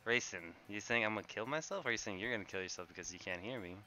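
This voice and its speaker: A quiet man with a monotone, deadpan delivery, chatting casually over his game stream. His voice is fairly low yet bright and sharp, with music playing faintly behind him. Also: racing.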